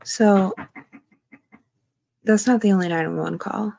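A woman's voice: mid-range voice, a little slow, vocal fry, dark tone, no room sound. A woman commenting on a true crime case, reading out a call and hedging her views with "in my opinion.". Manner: hedging, often adds "in my opinion".

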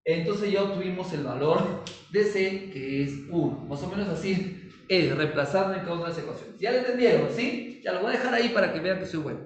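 A male chemistry teacher explains step by step in a playful, teasing way, checking in with his class again and again. His voice sits high and moves with lively swings. The sound is far from the mic in a strongly echoing room. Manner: playful, teasing, asks many check questions. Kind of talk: recorded classroom lesson. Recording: very echoey room, distant mic.

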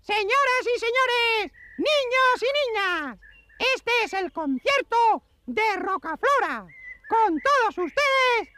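A woman with a Spain accent voicing an excitable little male monkey puppet, announcing like a ringmaster in a children's show. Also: very high-pitched, very noisy, full character voice. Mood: grand, proud. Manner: drawn-out ringmaster-style announcing.

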